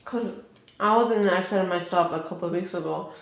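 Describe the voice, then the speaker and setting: A young woman telling a story in casual chat while she eats on camera, rambling and filling every pause with 'like'. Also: lowish voice, creaky. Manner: rambling, heavy use of 'like'. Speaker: mukbang vlogger. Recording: echoey room.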